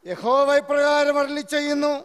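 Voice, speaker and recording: A man reading Bible verses aloud in a measured, solemn recitation, line by line for a preacher. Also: extremely high pitch, fairly even intonation, fairly bright tone. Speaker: Bible reader. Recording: reverberant hall sound.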